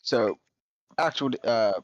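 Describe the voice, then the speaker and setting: Halting man on a dull, dry call. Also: no echo. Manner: halting, lots of ums, slow and low when tallying. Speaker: player. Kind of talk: casual tabletop play.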